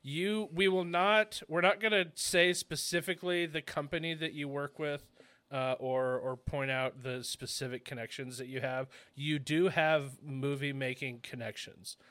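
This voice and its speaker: A man's voice: on the high side, steady tone, measured pace, fairly bright tone, no room sound. A man hosting a podcast in a casual, chatty style. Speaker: podcast host.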